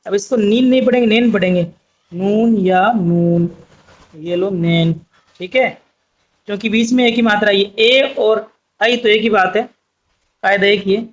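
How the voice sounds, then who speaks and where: A man's voice: high voice, fairly even intonation, normal speed, a bit bright, dull audio. A man teaching Urdu script, patiently spelling out letters one by one. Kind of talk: slow spoken writing lesson.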